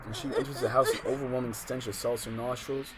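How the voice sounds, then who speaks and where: Streaming a game with music in the background, this American host swings from slangy, cursing, exasperated talk to reading out visual novel text. He speaks fast at a medium pitch with a flat delivery, and there's background noise.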